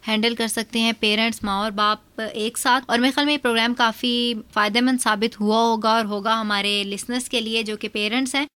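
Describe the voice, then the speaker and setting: A woman's voice: a little high, fairly even intonation, fairly quick, few pauses, pushed and bright, clear, resonant tone, dry recording. A woman radio host closing the program politely, addressing the listeners and thanking her guest. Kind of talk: formal program sign-off.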